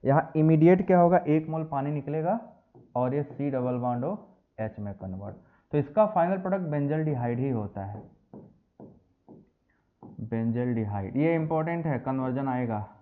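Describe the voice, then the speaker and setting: A man's voice: on the high side, a little slow, pauses often. A man teaching a chemistry lecture to students, calling them beta and mixing English phrases into his explanation. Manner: lively, addresses students as beta and bachche. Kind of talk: classroom lecture. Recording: tinny phone-like audio.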